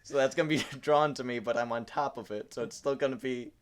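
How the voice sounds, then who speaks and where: A man's voice: medium pitch, fast talker, slight background noise. A young man playing a tabletop game, talking hesitantly and chuckling. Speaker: player.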